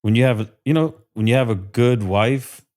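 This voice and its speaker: A man from South Florida, USA, appears as a guest on a podcast, speaking earnestly and emotionally in a casual interview, full of fillers and restarts. His voice is mid-range and darkish, at a normal pace.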